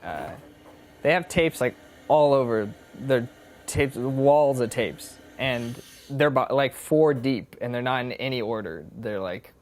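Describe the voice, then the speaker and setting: Casting: a man in the middle range, very lively and expressive, swearing as he recounts a story. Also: medium pitch, slow. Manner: animated, excitable, profane. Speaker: interviewee. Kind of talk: anecdotal interview storytelling.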